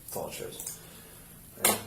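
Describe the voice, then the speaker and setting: A man working as a police officer, casually walking a colleague through a task step by step and often checking with "right?". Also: unhurried. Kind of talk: casual hands-on instruction. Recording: roomy, noisy, distant body camera pickup.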